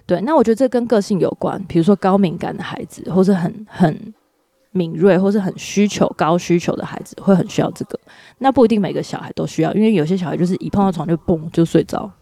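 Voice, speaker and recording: Woman, podcast chat, warm low-ish tone, bit of fry, thinks out loud. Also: quick pace, dry recording. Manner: thoughtful, searching for words. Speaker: podcast co-host. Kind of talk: casual chat.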